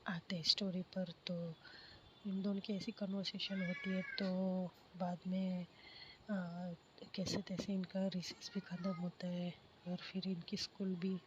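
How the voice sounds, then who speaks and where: A woman's voice: mid-range voice, flat delivery, measured pace, background noise. Woman telling a story casually at home. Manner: chatty, loose, with fillers. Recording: slightly muffled, faint child crying.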